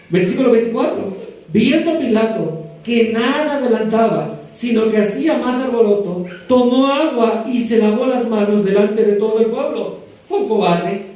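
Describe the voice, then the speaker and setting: A man preaching a sermon, reading scripture verses slowly and asking the congregation direct questions. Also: extremely high pitch, dark tone, recorded from a distance. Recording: echoey hall, voice picked up from afar.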